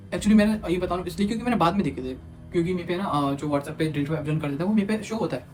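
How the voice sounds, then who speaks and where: A young man casually telling a personal story as a vlogger, animated and acting out what others said. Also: high voice, very fast. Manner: animated, quotes others in acted asides. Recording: music playing underneath.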